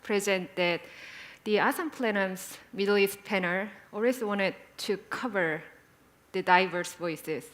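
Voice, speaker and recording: Woman, forties, conference panelist. Slow, unhurried delivery, halting with filler words and friendly asides. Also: medium pitch, a bit bright. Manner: hesitant, many fillers, chatty asides. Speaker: panel moderator and speaker. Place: conference hall.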